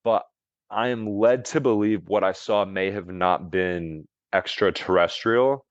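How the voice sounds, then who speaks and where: A man's voice: low voice, a little slow, dry recording, lo-fi sound. A man as a podcast guest, telling a story in a casual, rambling way, full of "like" and restarts. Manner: rambling, heavy use of "like" and restarts. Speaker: podcast guest, longevity coach.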